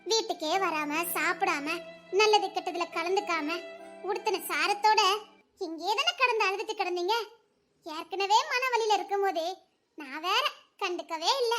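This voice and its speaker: Young wife all teary and sorry, super high voice, breaks into shaky little laughs. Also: female voice, moderate pace, a bit bright, faint music behind. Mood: tearful. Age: young adult. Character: remorseful young wife, college student, guilt-stricken. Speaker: young wife in a drama series. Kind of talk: emotional drama acting.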